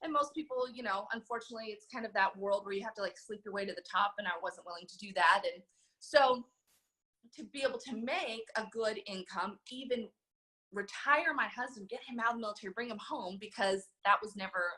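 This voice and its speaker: A woman in her thirties, a podcast guest telling her story in a casual, animated way and acting out the voices of people she quotes. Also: medium pitch, a little fast. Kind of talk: conversational storytelling.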